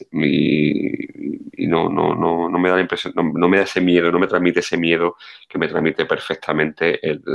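A man's voice: deep voice, gravelly, lo-fi sound. A man, co-hosting a podcast and giving blunt, opinionated takes on a film in casual talk. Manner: blunt, opinionated, restarts often. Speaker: podcast co-host.

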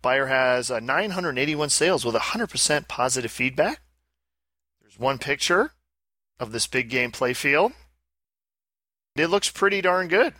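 Male co-host, bright tense tone, dry close sound, reading listings and commenting in a casual way. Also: mid-range voice, expressive, a little slow, long pauses, no room sound. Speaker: podcast co-host.

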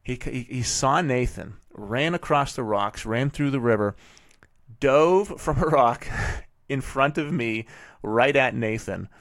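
A man hosting a podcast, telling a family story in a vivid, animated way with frequent restarts. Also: medium pitch, no echo, studio quality. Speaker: podcast host and father. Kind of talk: casual storytelling monologue.

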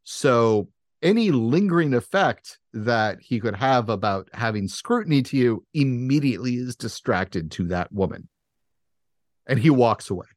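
A man narrating a tabletop game as game master, setting scenes in a dramatic, deliberate way. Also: medium pitch, lively intonation, dry recording, clean studio sound.

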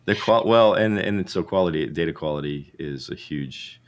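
A man hosting a podcast remotely, a bit under the weather with a rough morning voice, rambling and correcting himself as he chats. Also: deep voice, moderate pace. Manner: rambling, self-correcting, laughs often. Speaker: podcast host. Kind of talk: casual interview chat. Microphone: remote call setup.

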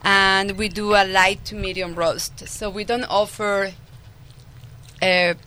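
Bright-voiced Colombian woman guest. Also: mid-range voice, level tone, takes it slowly. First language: Spanish. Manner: explanatory, many fillers and "um"s. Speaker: winemaker guest. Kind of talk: radio interview.

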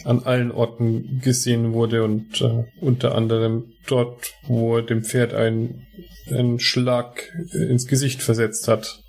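Man playing a flat-voiced Victorian doctor. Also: medium pitch, vocal fry. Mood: careful. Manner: halting, searching for words. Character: plodding male Victorian doctor.

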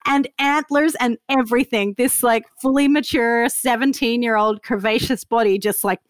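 An Australian woman in her fifties, whose Australian accent carries a slight Canadian tinge, is an animated interview guest in a casual chat, telling stories, laughing often and mocking herself. Her voice is on the high side, at normal speed, with no room sound.

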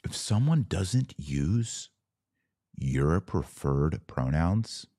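With a low, sing-song and mellow voice, a podcast host and commentator addresses his audience conversationally. He lectures with emphasis and stops deliberately to let each point sink in.

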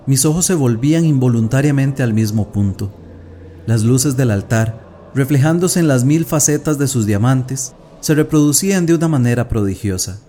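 A man's voice: medium pitch, expressive, normal speed, warm tone, a little hiss or hum, close to an everyday voice. A man voicing a young woman who is obsessed and tormented, speaking a feverish, brooding monologue in an audiobook reading of a classic tale.

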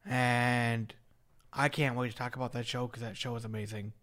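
A man's voice: medium pitch, flat delivery, moderate pace, a bit bright. A man hosting a casual podcast chat, rambling and trailing off with fillers as he talks about shows and releases. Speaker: podcast host.

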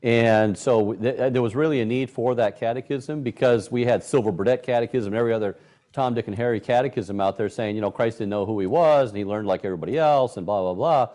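A middle-aged man hosting a talk show, commenting on the news with indignation and animated, acted-out quotes. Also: mid-range voice, fast talker. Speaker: host. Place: Michigan.

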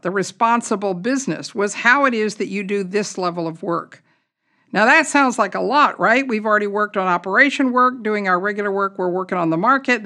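A woman's voice: mid-range voice, sharp tone. A woman hosting a podcast, explaining ideas step by step in an orderly, methodical way. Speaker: podcast host.

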